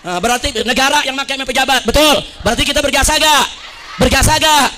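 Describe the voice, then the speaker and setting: High, sharp-voiced fiery preacher man. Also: quick pace, some chatter behind, a little hiss or hum. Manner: rousing, fires rhetorical questions at his audience. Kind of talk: fiery sermon. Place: women's religious study gathering.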